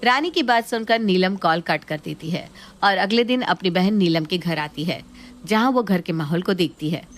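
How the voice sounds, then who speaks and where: A woman narrating a scripted cartoon story for children in a lively, expressive way. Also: on the low side, moderate pace.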